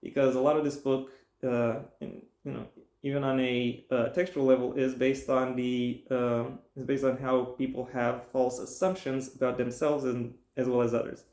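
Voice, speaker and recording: A man giving a casual spoken book review, rambling and halting with frequent restarts, sometimes breaking into emphatic mock-stern rants. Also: medium pitch, flat delivery, a little mellow. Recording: echoey room.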